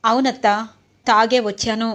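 An indignant young man from a serial, drunk and accusing his wife, read by a woman in her own voice. The delivery stays slightly high and plain. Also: steady tone, moderate pace, fairly bright tone, close to an everyday voice.

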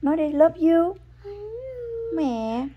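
A woman chatting at home with her toddler as a mother, coaxing and praising in a patient, gentle way. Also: high voice, slow, lo-fi sound, a little hiss or hum. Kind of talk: casual family chat to a small child. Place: home, indoors.

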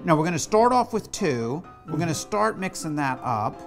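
A man's voice: on the high side, big pitch swings, normal speed, soft background music. A middle-aged man hosting a playful kitchen demonstration, giving step-by-step instructions in a teasing, slightly bossy way. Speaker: cooking show host, children's author. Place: home kitchen.

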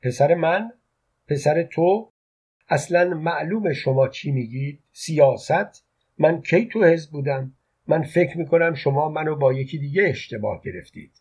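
A man reading a guarded antique dealer who keeps denying who he is, with a husky voice. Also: mid-range voice, expressive, darkish tone. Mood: alarmed. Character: wary antique dealer man hiding his past.

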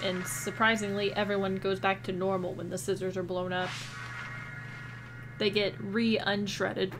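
A woman's voice: medium pitch, little pitch movement, unhurried, over music, rough recording. A woman giving casual commentary as she plays a video game.

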